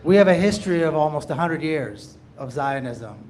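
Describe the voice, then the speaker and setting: A man's voice: a little high, lively intonation, normal speed, a little mellow. A man from Jerusalem, speaking up from the audience in an earnest, emphatic way, often repeating his phrases. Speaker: audience member, activist. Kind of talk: impassioned public comment.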